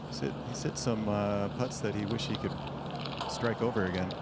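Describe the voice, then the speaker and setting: A man's voice: fairly low pitch, steady tone, moderate pace. A man giving live golf commentary as an analyst. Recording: very noisy outdoor broadcast sound.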